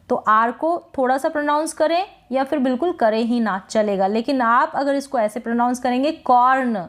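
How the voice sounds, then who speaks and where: Slow, high-voiced woman teaching pronunciation. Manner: drawn-out demonstrations of each word; asks and answers her own questions. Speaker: English teacher. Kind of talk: slow spoken lesson.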